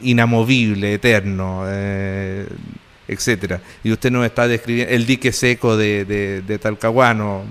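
A man's voice: lowish voice, fairly even intonation, a little slow, a bit bright, clear, resonant tone, long reverb tail. A man interviewing a guest, speaking formally in long, carefully built sentences with frequent hesitations. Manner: formal, elaborate phrasing with many hesitations.

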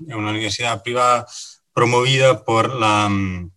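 A middle-aged man from Italy, a native Italian speaker with an Italian accent, answering radio interview questions in a halting way, full of pauses and fillers. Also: lowish voice, fairly even intonation, bright, forceful tone. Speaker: guest, finance director.

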